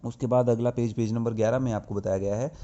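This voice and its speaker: A man teaching a grammar lesson to young pupils. He explains slowly and step by step, asking questions and answering them himself. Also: mid-range voice, steady tone, warm tone. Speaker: school teacher. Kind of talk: classroom lesson. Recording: dull lo-fi recording.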